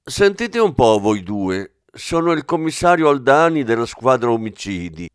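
A man voicing a brisk, impatient middle-aged police commissioner who gives orders. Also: mid-range voice, very animated, smooth, no room sound, studio quality, natural voice. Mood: commanding. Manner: commanding, impatient.

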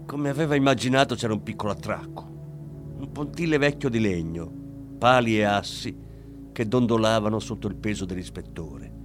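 A man reading a crime story aloud in measured, expressive scripted narration. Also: on the low side. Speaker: audiobook narrator. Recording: faint background music.

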